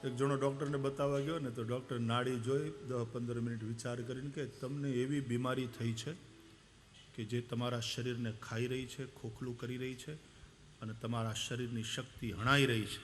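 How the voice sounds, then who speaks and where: With slight background noise, a man in the mid range speaks at a normal speed, telling anecdotes in a devotional sermon. His delivery is animated as he voices quoted speakers and sings verses.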